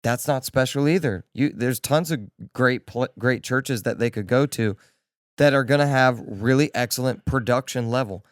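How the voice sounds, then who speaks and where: A man's voice: mid-range voice, normal speed, no room sound, clean studio sound. A man co-hosting a faith podcast in casual chat, building his points with repetition and lots of "like". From Delaware, USA. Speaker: podcast co-host.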